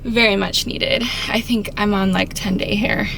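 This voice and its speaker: A woman chats casually to her vlog viewers in a rusty morning voice that sounds not yet warmed up. Her speech has a creaky fry at a medium pitch, with clear noise around it. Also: fairly even intonation, normal speed. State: morning voice, slightly rusty and unused. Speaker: vlogger.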